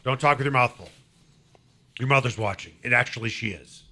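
Bright-voiced enthusiastic radio host. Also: male voice, medium pitch, fairly quick. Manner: enthusiastic, chatty, reads sponsor spots. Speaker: radio talk show host. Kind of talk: casual studio chat. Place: radio studio.

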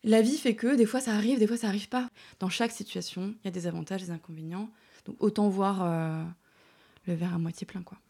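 A woman's voice: medium pitch, steady tone, fairly quick, dark tone, slightly rough. A woman in her thirties chatting as a podcast guest, with many fillers and words that trail off to near-whispers. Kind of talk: casual interview chat.

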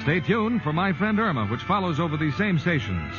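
A man's voice: a little high, sing-song, a little fast, muffled recording, music in the background. A man announcing in a formal, clipped 1940s radio style, heard as an old radio broadcast. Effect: old 1940s radio broadcast sound.

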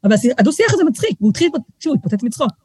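A middle-aged woman, a guest author telling lively stories in a casual podcast chat, acting out quoted voices and often restarting her sentences. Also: fairly high pitch, husky, dry recording.

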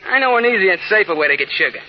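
On a dull old radio recording, a breezy small-time crook. He is cocky and pushy, slinging slang in a fairly high voice. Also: expressive, racing, slight background noise. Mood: cocky, coaxing. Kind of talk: 1940s radio acting.

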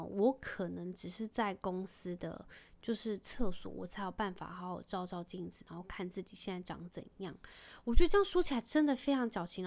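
A young woman hosting a podcast alone, telling stories from her childhood in a chatty way, often soft and trailing off, with bursts of laughter. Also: mid-range voice. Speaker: podcast host. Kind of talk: casual solo storytelling.

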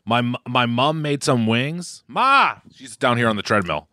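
A man's voice: mid-range voice, normal speed, fairly bright tone, smooth, no room sound, studio quality. A man with a Boston accent co-hosting a casual podcast chat, rambling with repeated words and frequent laughs. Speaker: podcast co-host. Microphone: headphones, remote call.

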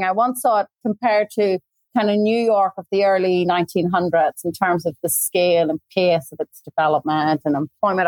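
A Belfast woman in her forties, founder of a tour company, talks at length as a podcast guest via video call from her home in Northern Ireland. Her voice is lowish with a Belfast accent and no room sound, and the casual conversation is chatty and full of asides.

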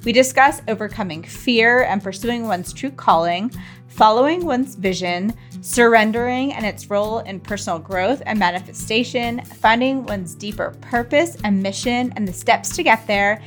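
A woman's voice: on the high side, normal speed, faint music behind. A woman hosting a wellness podcast, reading a scripted intro and welcoming her guest with upbeat enthusiasm. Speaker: podcast host.

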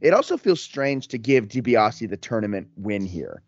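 Animated, lower-voiced man chatting on a podcast. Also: moderate pace, no echo, highs cut off. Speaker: podcast co-host. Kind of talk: casual chat.

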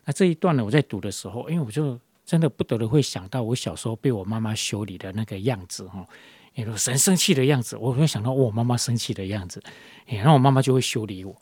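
A man's voice: medium pitch, quick pace, a little mellow, slightly rough, dry recording. A man leading a casual devotional talk, rambling with many fillers and restarts. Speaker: devotion leader.

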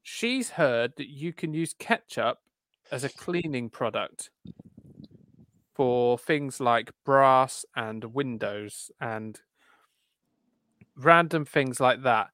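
A man's voice: mid-range voice, slow, pauses often, a bit bright, dry recording. Podcast host: man, mid voice, chatty, dry close recording. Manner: chatty, runs the questions. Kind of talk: casual chat.

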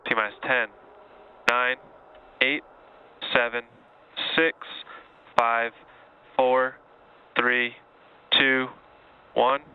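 A man's voice: mid-range voice, flat delivery, drawn-out words, pauses often, narrow, tinny audio. A man calling out a launch countdown in clipped, procedural radio callouts over a breaking up space radio link. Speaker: launch controller. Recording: noisy distant radio feed.

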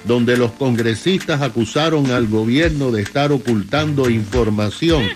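Slow-paced man reading radio news over music. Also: mid-range voice. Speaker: radio co-host. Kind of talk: radio news segment, explaining to co-host. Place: radio studio. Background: music bed.

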